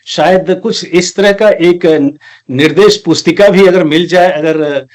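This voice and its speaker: A courteous male interviewer with a slightly higher pitch than most men. He sums up his guest's points with polite approval and slips English terms into his questions. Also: measured pace, darkish tone. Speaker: professor, interview host.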